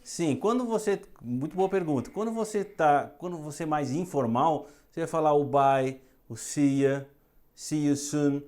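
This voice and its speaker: A woman with a Brazilian accent teaching English phrases in a lesson, saying each one slowly so students can repeat it. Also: low-pitched, a little mellow.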